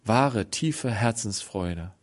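A man preaching a sermon, telling stories dramatically with sudden swings between loud and soft and acting out the voices of the people in them. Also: lowish voice, animated, slow. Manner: acts out the voices of people in the story.

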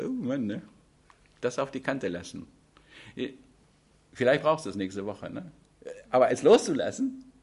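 A man's voice: mid-range voice, breathy edge. A man preaching a sermon, speaking to his congregation and asking them frequent rhetorical questions.

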